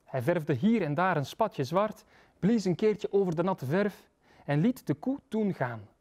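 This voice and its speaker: A man's voice: high voice, unhurried. Flemish man reading a storybook aloud. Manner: lively, playful, voices characters. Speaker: storybook reader, literature lecturer. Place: historic library reading room.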